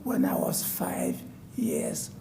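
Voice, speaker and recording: This is personal testimony at a public meeting: a resident in his nineties from West Africa formally tells his story to a code enforcement board in a city council chamber. He speaks at a slow pace in a warm tone, over a bit of hiss or hum.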